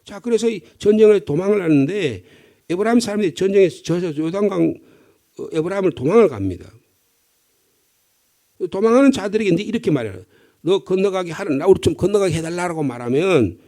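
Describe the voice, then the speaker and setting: A middle-aged pastor from Korea's Gyeongsang region speaks in a fairly high, mellow voice with a Gyeongsang accent. He delivers an early-morning sermon conversationally, telling stories and posing rhetorical questions.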